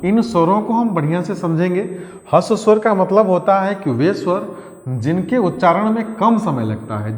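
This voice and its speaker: Guy teaching a grammar class, kinda high voice, lots of reverb, keeps repeating stuff and quizzing the kids. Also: darkish tone. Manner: repeats key phrases, quizzes pupils, calls them "beta". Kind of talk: exam-prep grammar lesson. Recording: echoey room with long reverb.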